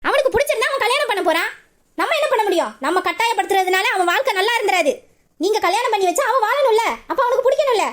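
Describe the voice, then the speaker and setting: A woman's voice: very high voice, lively intonation, racing. A woman voicing a headstrong young working woman who defiantly argues with her mother in an audio drama. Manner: forceful, defiant speeches.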